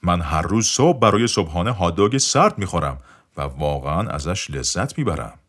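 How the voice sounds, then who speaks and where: A man reading the lines of a calm, easygoing spiritual teacher in a relaxed, matter-of-fact way. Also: deep voice, slightly rough, exaggerated voice.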